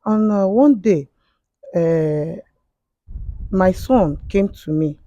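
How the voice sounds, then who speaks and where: A woman telling a personal story as a confessing guest, halting often with fillers and restarts. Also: on the low side, animated, warm tone, no echo, muffled recording. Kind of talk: emotional spoken testimony.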